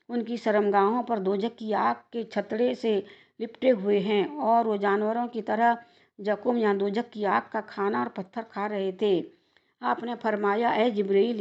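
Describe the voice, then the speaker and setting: A woman narrating a devotional religious story in a steady recited manner. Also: medium pitch. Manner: steady recitation with occasional restarts. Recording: dull lo-fi recording.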